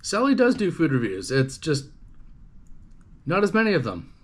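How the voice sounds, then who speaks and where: A man's voice: a little high, huge pitch swings, moderate pace. A man from Canada casually chatting to his livestream viewers, rambling and swearing, with lots of fillers and restarts. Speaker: livestream host. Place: home livestream setup.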